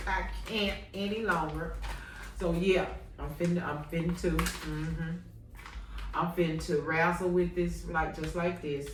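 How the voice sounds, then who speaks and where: Slow-talking woman crafting in a roomy room. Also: on the low side, fairly even intonation, background noise. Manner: chatty, talks to herself and the viewers while working; Southern US slang. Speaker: crafting vlogger. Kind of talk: casual crafting tutorial. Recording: roomy, from a distance, faint ambience.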